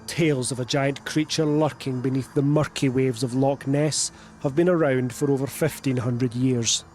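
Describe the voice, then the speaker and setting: A man's voice: mid-range voice, fairly even intonation, moderate pace, darkish tone, soft background music. A man reading scripted narration for a news feature as its reporter.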